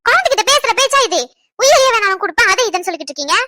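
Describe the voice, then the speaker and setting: A woman's voice: very high voice, very animated, very fast, bright, forceful tone, no room sound, clean studio sound, heavily acted. A woman voicing a jealous, chattering young pregnant wife. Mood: jealous teasing. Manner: playful, scolding, then tender.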